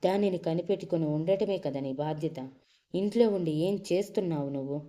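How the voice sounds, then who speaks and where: Woman playing an angry middle-aged father, loud, scolding, low voice. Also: normal speed, lightly acted.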